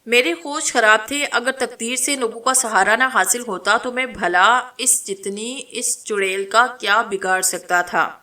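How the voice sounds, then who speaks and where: A woman narrating a horror novel in a steady, dramatic reading style. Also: a little high, few pauses. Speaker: storyteller.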